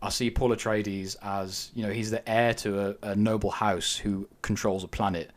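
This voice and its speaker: A man's voice: fairly low pitch, level tone, normal speed. A man co-hosting a podcast in casual chat, giving frank opinions and thinking aloud with frequent ums. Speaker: podcast co-host.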